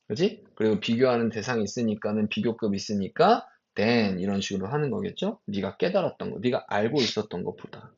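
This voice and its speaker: A man teaching an English exam passage as a lecture, reading English phrases slowly with stress and asking his students quick rhetorical questions. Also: mid-range voice, darkish tone. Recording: dull lo-fi recording.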